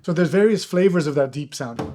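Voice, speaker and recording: A man's voice: on the high side, expressive, fairly quick, heavy background noise. A young man from Ireland raised in Belgium, enthusiastically teaching electronic music in a casual video lesson while demonstrating a hand drum. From born in Ireland, raised in Belgium. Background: hand drum hits.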